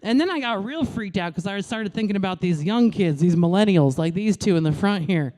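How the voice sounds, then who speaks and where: A woman in her late thirties doing a stand-up comedy set on a club stage, brash and crude, with deadpan asides to the crowd. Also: medium pitch, fairly quick. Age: late 30s.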